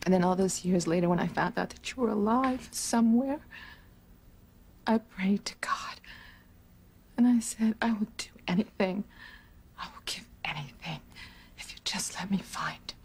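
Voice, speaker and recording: An actress playing a remorseful middle-aged mother, pleading emotionally in a hushed, breathy voice in a soap opera. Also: mid-range voice, steady tone, unhurried, long pauses, a little hiss or hum, lightly acted. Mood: anguished pleading. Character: remorseful, devoted mother pleading with her grown son. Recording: music under the voice.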